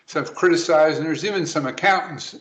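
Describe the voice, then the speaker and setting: Guy rushing thru a webinar talk for advisors, kinda high voice, echoey room. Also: a bit bright. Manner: brisk, rapid delivery. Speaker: presenter to financial advisors. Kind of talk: webinar presentation. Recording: roomy, dull lo-fi audio.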